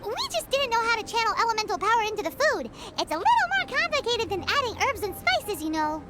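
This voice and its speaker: A woman voicing a tiny, cheeky, childlike fairy companion in a video game, with a squeaky voice and blunt manner. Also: big pitch swings, fast, loud music behind the voice. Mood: excitable, cheeky. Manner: refers to self in third person, blunt. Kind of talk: video game character dialogue.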